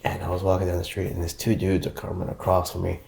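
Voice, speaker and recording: A man's voice: low-pitched, monotone, fast, gravelly, darkish tone. A man guest on a podcast, telling a story in casual slangy chat and laughing along. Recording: echoey room.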